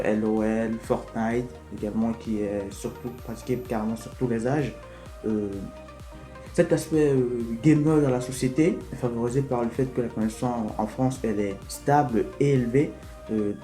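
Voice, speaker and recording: A man from Africa talking to camera in a vlog, explaining things in an unhurried, hesitant way. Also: lowish voice, warm tone. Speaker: vlogger. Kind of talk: casual explanatory vlog talk. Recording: echoey room with faint music.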